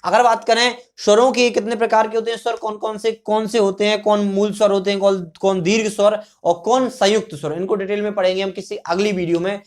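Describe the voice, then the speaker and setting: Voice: medium pitch, level tone. A Hindi teacher giving a classroom-style grammar lesson at a board, talking patiently, repeating words, and answering their own questions. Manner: fills pauses with a checking "okay".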